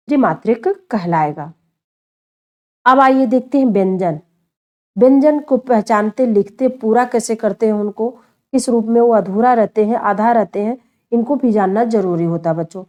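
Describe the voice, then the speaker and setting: A woman with a rather high, darkish-toned voice gives an online Hindi grammar lesson. She often asks a question only to answer it herself, and she regularly addresses her listeners as children.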